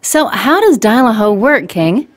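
A woman speaking as a smooth radio host, introducing guests and taking calls in a comedic call-in sketch. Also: on the high side, sing-song, measured pace.

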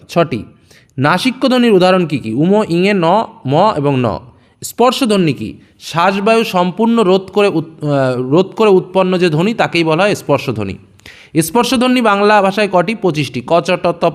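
A male teacher runs quick question-and-answer revision for students. His voice sits high and moves a lot, and each answer comes out lower and softer than the question before it.

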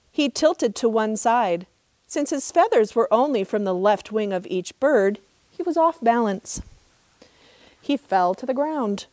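A middle-aged woman, a park ranger, reading a trickster tale as expressive, measured storybook narration outdoors. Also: on the high side, dry recording. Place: outdoors in open desert.

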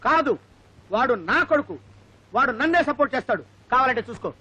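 A mocking rival father, bright high voice, quick defiant delivery. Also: expressive, full character voice, low-quality recording. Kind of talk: comic film acting.

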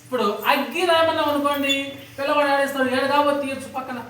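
Woman teacher quizzing small kids, heard from afar in a booming room. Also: steady tone, fast, fairly bright tone. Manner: questioning children, coaxing answers. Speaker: primary school teacher. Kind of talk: classroom teaching to children. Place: classroom. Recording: echoey classroom from far off.

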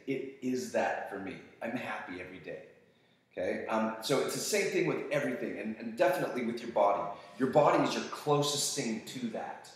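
A man teaching students, giving a casual, enthusiastic motivational talk about fitness and acting out voices as he goes. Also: lowish voice. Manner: enthusiastic, animated, acts out voices when quoting. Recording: very echoey room.

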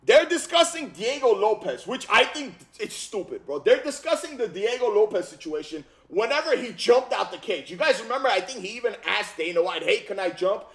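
With barely a pause, a high-voiced man in his thirties, originally from Armenia, rattles through fight news fairly quickly as a YouTube commentator. He records casual reactions on a headset mic in his home gaming room, animated and slangy, repeating himself and saying "bro" and "okay?" a lot.

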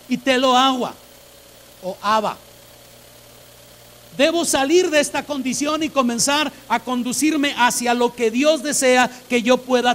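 A man preaching a sermon to a church congregation, repeating phrases for emphasis and asking the listeners direct questions. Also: very high-pitched. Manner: emphatic, repeats phrases to drive points home.

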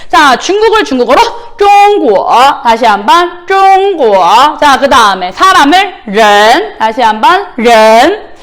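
A woman teacher, a native Korean speaker, gives a recorded Chinese lesson to middle schoolers, and her voice sits a little high. She keeps calling for another repetition and stretches the Chinese phrases out slowly so each tone is plain. She sounds patient and methodical. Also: sing-song, a bit bright. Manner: drills words with repeated call-and-response prompts; slow, exaggerated pronunciation of Chinese words. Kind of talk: recorded online language lesson.

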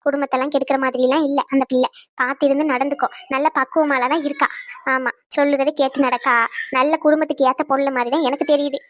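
A woman's voice: high voice, flat delivery, fast, no room sound, close to an everyday voice. A woman doing a blunt lecturing grandmother. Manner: lecturing, proverb-quoting. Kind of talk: cartoon dubbing.

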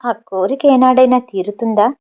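In an audiobook novel, a woman reads a playful young man teasing his sweetheart over the phone, using her own fairly high voice at normal speed and acting it lightly. His talk is affectionate and mischievous, and the audio sounds dull and lo-fi.

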